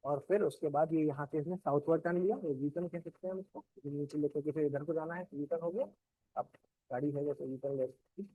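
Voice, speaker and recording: A man's voice: on the high side, fairly even intonation, a little fast, slightly rough, dry recording. A male teacher with a Hindi accent giving a classroom geography lecture, explaining step by step, checking in with his students and asking them questions. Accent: Indian Hindi. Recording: dry, dull lo-fi classroom recording.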